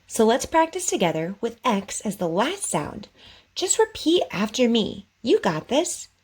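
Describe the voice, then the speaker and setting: A woman's voice: a little high, sing-song, a little slow, darkish tone, husky. A woman leading an articulation drill as a speech teacher, encouraging and over-enunciating her words.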